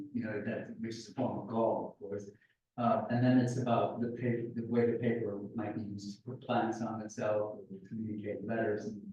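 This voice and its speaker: A man's voice: mid-range voice, warm tone, highs cut off. A man in a conference audience thinking aloud as he asks a question, meandering and full of uhs and ums. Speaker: audience member asking a question. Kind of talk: thinking aloud while asking. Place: conference room. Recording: echoey room, far from the mic.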